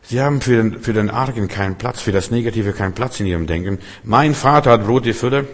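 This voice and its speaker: Emphatic low-voiced male preacher in a reverberant hall. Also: quick pace. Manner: emphatic, addresses listeners directly with repeated "weißt du". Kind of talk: sermon.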